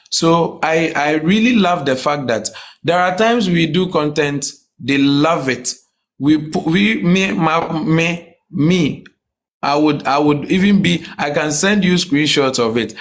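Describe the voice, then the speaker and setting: A man with a Ghanaian West African accent talking casually and emphatically as an interview guest. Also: on the high side. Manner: emphatic, often checks the listener understands; mixes English with a Ghanaian language. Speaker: comedian, podcast guest.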